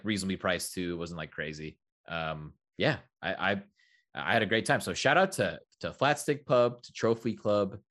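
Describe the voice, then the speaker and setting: Young male podcast co-host, low-pitched, casual storyteller who loops back on his words. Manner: rambling, repeats words, animated storytelling. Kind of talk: casual chat.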